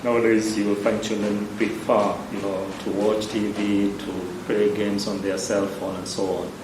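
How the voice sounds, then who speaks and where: Man, Kenyan accent, parish priest, measured and hesitant, low-pitched, roomy echo, loud background ambience. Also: flat delivery, noisy background. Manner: measured, unhurried, with frequent hesitations. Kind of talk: answering interview questions.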